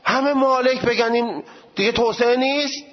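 Male religious studies teacher, high voice, lively rhetorical lecturing, dull lo-fi sound. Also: long reverb tail. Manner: animated, rhetorical questions. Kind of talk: seminary lecture.

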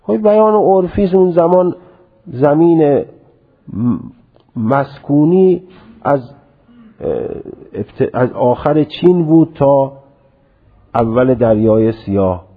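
Man lecturing over a tinny radio line. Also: fairly high pitch. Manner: deliberate, reasoning, often stresses and repeats his point. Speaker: religious scholar lecturing. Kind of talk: religious lecture.

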